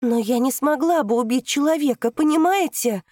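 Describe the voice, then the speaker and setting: A woman reading an audiobook, voicing a desperate young woman who pleads in high, loud outbursts. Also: slow, no echo, clean studio sound.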